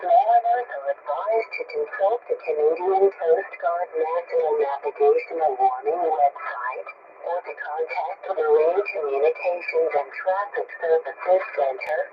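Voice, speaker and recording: Male coast guard forecast voice, raised pitch, off a shortwave set with loud static. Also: muffled recording. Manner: slow, measured, listing numbers. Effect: heard through a shortwave receiver tuned to a marine broadcast. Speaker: marine weather broadcaster. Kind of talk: automated marine forecast reading.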